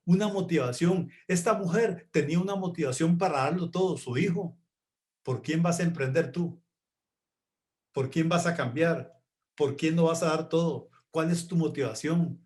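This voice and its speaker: A man gives a motivational talk with a slightly high voice. He tells a story and acts out the people in it, raising his voice for the mother and dropping it low for the boy. He slows down to stress his key lessons. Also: darkish tone. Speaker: motivational speaker.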